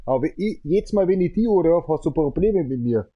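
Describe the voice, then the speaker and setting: A man, a gaming livestreamer chatting loudly and teasingly on a phone call over his stream. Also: fairly high pitch, animated, fairly quick, breathy edge. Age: 30s. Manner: loud, joking and teasing. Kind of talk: casual phone chat during a livestream. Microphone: earbuds in, calling over the stream mic.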